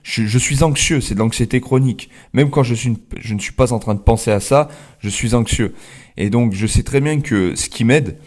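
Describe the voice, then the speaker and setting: A man's voice: mid-range voice, normal speed, darkish tone. A man hosting a trading channel, explaining his slides in a casual, hesitant way with many fillers and restarts, and candid personal asides.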